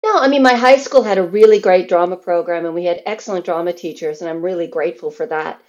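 A Canadian theatre performer who grew up in Newfoundland and Alberta tells stories casually as an interview guest, acting out what other people might say. Her voice is on the low side and darkish, and she talks fast. The audio sounds dull.

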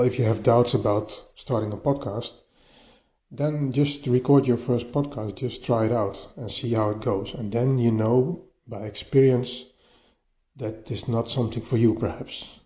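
Male podcast host, mellow voice, halting delivery with frequent restarts, dull lo-fi phone recording in a slightly echoey bedroom. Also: mid-range voice. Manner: halting, often repeats words as he restarts. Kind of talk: casual solo podcast monologue. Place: partly furnished bedroom, a bit echoey. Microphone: phone voice-note app.

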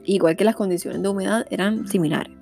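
A woman's voice: medium pitch, a little fast, vocal fry, dark tone, faint music behind. A middle-aged woman with a Puerto Rican accent, talking casually about parenting and peppering her speech with "¿verdad?". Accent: Puerto Rican Spanish. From Puerto Rico. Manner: conversational, frequent "¿verdad?" fillers. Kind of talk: casual monologue.

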